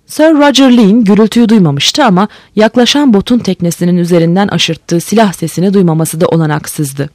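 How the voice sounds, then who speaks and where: An audiobook narrator reading a novel in a steady storytelling manner. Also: medium pitch, no room sound. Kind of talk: scripted narration. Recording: dry close recording.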